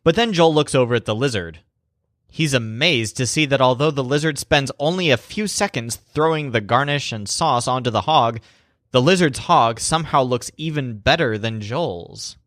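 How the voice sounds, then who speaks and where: Male teacher, scripted mnemonic narration, lively intonation, mid pitch, dry sound. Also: normal speed, dry recording. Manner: animated storytelling, spelling words out. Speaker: language teacher.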